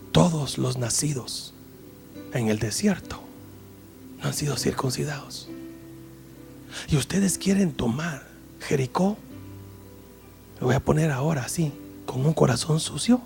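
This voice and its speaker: A male pastor delivering an impassioned sermon, dropping to hushed tones and rising to loud pleading. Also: fairly high pitch, expressive, slow, vocal fry, long pauses, soft background music. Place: church service.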